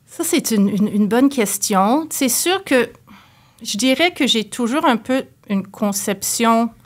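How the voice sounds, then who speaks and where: A Canadian woman, a university professor, answering interview questions in a thoughtful, hesitant way with many pauses and fillers. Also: fairly high pitch, expressive. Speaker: sociology professor, guest. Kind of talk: academic interview.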